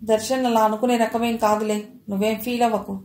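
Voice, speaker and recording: A woman's voice: on the high side, flat delivery, a little fast, a little mellow, close to an everyday voice. A woman reading aloud and voicing a troubled, confused young wife who pleads and questions, in a roomy space. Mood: pleading. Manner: pleading, bewildered. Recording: roomy echo.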